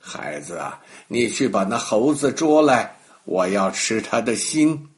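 A man voicing a greedy mother crocodile in a children's story, slow and commanding. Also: fairly low pitch, big pitch swings, voice pushed down. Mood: demanding.

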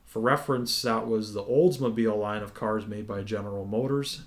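A man co-hosting a podcast, recapping a TV episode in a relaxed, casual way with lots of ums. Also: on the low side, moderate pace. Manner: relaxed, many ums, explains at length. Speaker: podcast co-host.

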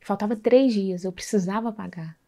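Woman, mid-pitched, earnest storyteller, relays a faith testimony conversationally and checks in with listeners. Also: fairly quick, warm tone. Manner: earnest, conversational, acts out dialogue, frequent tag questions. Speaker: speaker sharing a faith testimony.

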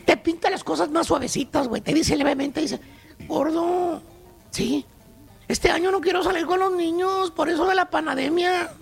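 Very high, creaky Chicano comic character. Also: male voice, normal speed, faint music behind. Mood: mocking. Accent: Chicano Mexican. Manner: mocking, exclamatory, streetwise. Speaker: comedy show host. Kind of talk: comic rant in slang.

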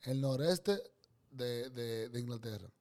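A man with a Dominican Spanish accent hosts a loose, crude comic chat. He teases and jokes, now and then bursting into loud laughter. His voice sits in a middle pitch. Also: takes it slowly. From Dominican Republic.

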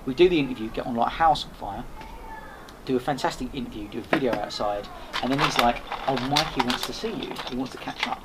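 Man, fast talker, casual storytelling, restarts and swears, background hiss. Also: mid-range voice. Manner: rambling, restarts, swears freely. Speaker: podcast host as guest.

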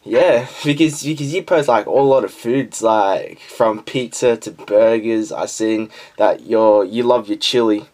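A man's voice: lowish voice, measured pace, few pauses, darkish tone. A man interviewing a guest in a casual chat, talkative and often tripping over his words. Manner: chatty, stumbling, laughs between questions.

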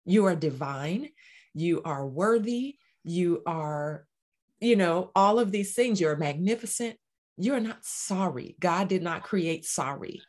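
A woman's voice: on the low side, lively intonation, slow pace, darkish tone. A woman life coach speaking as a podcast guest, earnest and emphatic. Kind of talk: casual conversational chat.

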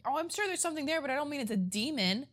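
Animated swearing woman with lively pitch. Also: very fast. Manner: animated, swears freely, dramatic reactions. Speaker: podcast co-host. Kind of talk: casual conversational chat.

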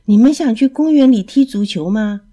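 A woman's voice: a little high, normal speed, highs cut off, voice pushed up, close to an everyday voice. A woman voicing a hasty, boastful young male rabbit in a storybook reading. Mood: excited. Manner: excitable, brash.

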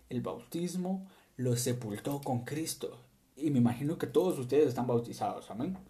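A male preacher, giving an animated sermon to his congregation and acting out voices as he tells the story. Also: medium pitch. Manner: animated, acts out voices, laughs, asks congregation "¿sí?".

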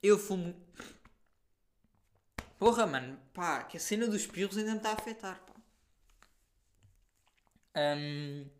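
Speaking with a European Portuguese accent, this young podcast host tells stories alone on a laid-back show, animated and slangy, with plenty of fillers and a stray curse. His pitch sits high and his pace is relaxed, marked by long pauses. There's a faint hiss or hum in the recording.

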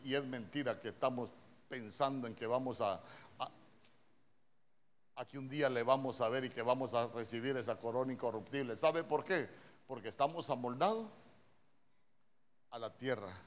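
A man with a Honduran accent preaching a sermon in a church, swinging between hushed words and sudden shouted lines, full of rhetorical questions. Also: medium pitch, normal speed, long pauses. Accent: Honduran Spanish.

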